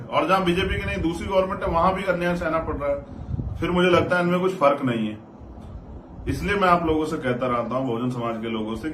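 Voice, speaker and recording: A man with a slightly raised voice delivers a live political address as an activist leader. He is earnest and exhortative, hammering points home by repetition. The recording is roomy and a little far from the mic, with clear noise behind him. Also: on the high side, fairly bright tone. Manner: earnest, exhortative, repeats phrases for emphasis. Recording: roomy, distant mic, noisy background.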